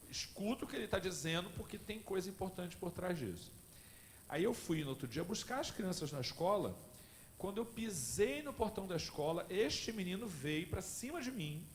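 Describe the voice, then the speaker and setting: Male course lecturer, slightly higher-pitched, very animated delivery, chatty with the audience, faint background hum. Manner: lively, conversational, addresses the audience directly. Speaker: lecturer at a spiritist family course. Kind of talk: lecture with personal anecdotes.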